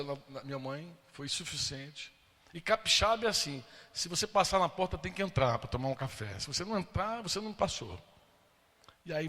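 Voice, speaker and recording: Bright-voiced man preaching a testimony. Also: on the high side. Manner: emotional storytelling, acting out quoted voices. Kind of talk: sermon testimony. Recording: long hall reverb.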